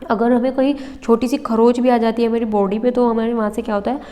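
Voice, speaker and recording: A woman's voice: on the high side, level tone, quick pace, dark tone. A young woman teaching an exam-prep lesson, explaining step by step and checking in with her listeners, with a slight cough now and then. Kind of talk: exam-prep lesson over handwritten notes. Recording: roomy with long reverb.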